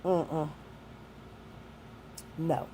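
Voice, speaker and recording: Speaking very slowly with fairly even intonation, a sixty-something woman passes on life lessons to the young in a heartfelt, folksy manner, drawing on both faith and street-level plain talk. Her voice is low and mellow, and a faint hiss runs beneath the recording.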